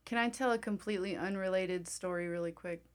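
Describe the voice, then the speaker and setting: A woman's voice: mid-range voice, fairly quick. Playful, joking podcast co-host woman. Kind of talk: casual chat.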